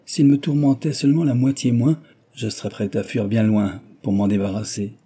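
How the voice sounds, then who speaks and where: A man reading an audiobook voices a giddy, mocking young noblewoman who gossips in a lively, teasing way. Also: medium pitch, moderate pace, husky, lightly acted. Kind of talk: audiobook reading of a classic novel.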